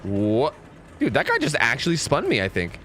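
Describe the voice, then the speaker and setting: A young man streams live gameplay commentary at a moderate pace, animated and swearing freely. Now and then he jumps into high-pitched panic.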